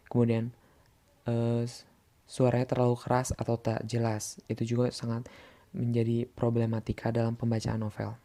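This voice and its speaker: A young man presenting a literature lesson, reading his points from notes with hesitant filler pauses. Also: mid-range voice, mellow. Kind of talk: scripted lesson explanation.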